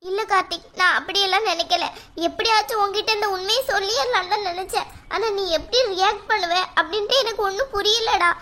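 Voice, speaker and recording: A worried middle-aged mother from a cartoon, voiced by a woman. Her voice is very high and bright, almost squeaky. She talks in a fretful, pleading way. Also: brisk, a little hiss or hum. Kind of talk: cartoon voice acting.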